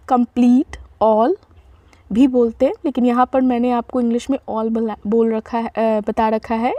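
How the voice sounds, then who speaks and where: High-voiced woman teaching vocabulary. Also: mellow, no echo. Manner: repeats each word and spells it out letter by letter; unhurried, with small self-corrections. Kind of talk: spoken vocabulary lesson.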